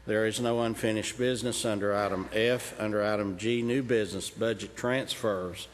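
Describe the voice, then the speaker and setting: A man's voice: fairly low pitch, steady tone. Man chairing a meeting in a big hall. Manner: brisk procedural calls for motions and votes. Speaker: committee chairman. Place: large county commission room. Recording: reverberant room, faint noise.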